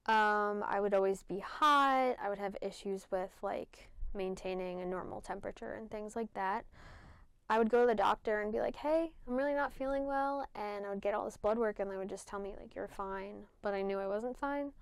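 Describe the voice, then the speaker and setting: A woman in her twenties with an American accent gives a casual interview answer. Her voice is creaky but clear, in a very dry recording, and her phrasing is conversational. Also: mid-range voice, dry recording. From Long Island, New York. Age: 20s. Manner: conversational, frequent "like".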